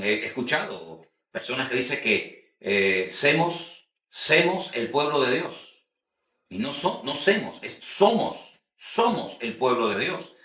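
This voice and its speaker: A man's voice: mid-range voice, sharp tone, recorded from a distance. A man, a preacher giving an earnest teaching talk on preaching and often repeating phrases for emphasis. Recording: roomy echo, speaker set back from the mic.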